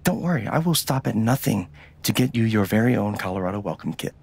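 A man's voice: on the low side, lively intonation, a little fast, gravelly. An actor playing a young adult man who jokes with and teases his sibling in easy banter. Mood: playful. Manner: joking and teasing, warm banter. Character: teasing, goofy young adult brother. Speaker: older brother.

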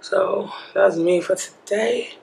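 A young woman vlogging casually to camera, hoarse and half-whispering with her voice nearly gone, chatty and laughing at herself. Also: medium pitch, slow, heavy background noise. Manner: chatty, laughing, self-mocking. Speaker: travel vlogger. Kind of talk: casual vlog talk to camera.

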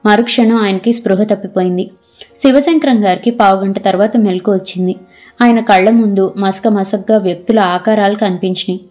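A woman narrating an audio novel in a steady storytelling manner. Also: medium pitch, moderate pace, soft background music. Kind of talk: scripted narration. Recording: slightly dull audio.

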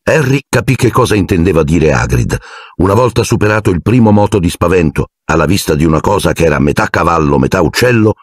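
Brief: male audiobook narrator, low husky voice, lively delivery, dry booth sound. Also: quick pace, no room sound. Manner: expressive storytelling, acting out each character. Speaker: audiobook reader.

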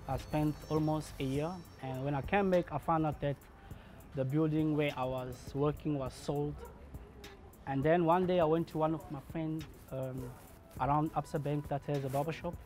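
A man in his thirties from Congo talks through how he became a barber, earnest and unhurried. His voice sits slightly on the high side for a man. Soft music plays faintly beneath him. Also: fairly even intonation. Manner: earnest, measured, acts out remembered dialogue. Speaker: barber and shop owner. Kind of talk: documentary interview, personal story.

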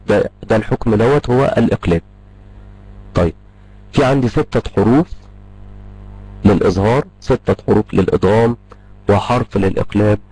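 Fast-talking Egyptian man teaching tajweed. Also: fairly low pitch, gravelly, warm tone, slightly rough, no echo, poor audio. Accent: Egyptian Arabic. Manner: rapid, repetitive explaining, checks in with "tamam?". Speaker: Quran recitation teacher. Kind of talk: online tajweed lecture.

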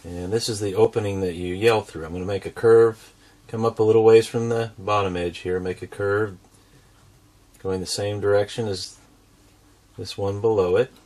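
A middle-aged American man hosts a show and teaches drawing step by step, explaining simply and patiently as if to children. His fairly low voice is steady and a little mellow, at a normal speed.

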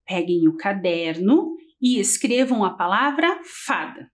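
A woman teacher leading a TV literacy lesson for young children, talking in a slow sing-song and stretching syllables as she counts letters. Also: medium pitch, animated. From Brazil. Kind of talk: early-grade literacy lesson on TV.

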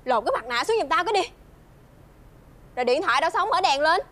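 An actress playing an irritable, sharp-tongued young woman who scolds and snaps. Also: extremely high pitch, sing-song, fast, heavily acted. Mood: irritated. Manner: snappy, scolding. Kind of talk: web drama acting. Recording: noisy ambient background.

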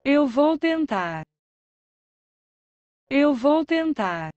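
A woman's voice: sits high, very animated, drawn-out words, a little mellow, dry recording, dull audio. A woman reading short phrases for a language lesson, saying each one twice with careful pronunciation. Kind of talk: slow repeated phrase reading.

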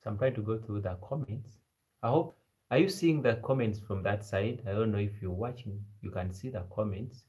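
Low-pitched young man, Kenyan-sounding East African accent. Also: darkish tone. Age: 20s. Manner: halting, repeats phrases. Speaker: live stream host. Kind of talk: casual live chat with viewers. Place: small bedroom indoors. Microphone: phone at arm's length.

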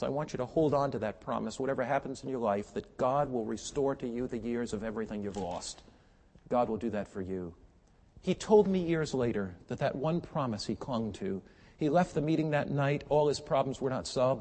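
Older preacher in a reverberant hall. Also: male voice, mid-range voice. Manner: impassioned preaching that swings from loud emphatic peaks to quiet storytelling. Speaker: pastor. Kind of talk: sermon.

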